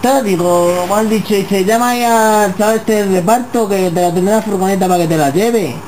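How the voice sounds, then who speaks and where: A caller with an accent from Spain speaks over a landline phone at a middling pitch. The talk is casual, slangy and insistent, full of questions and complaint. The line is clearly noisy. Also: brisk, a little mellow. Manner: insistent, colloquial, repeatedly asking. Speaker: prank caller.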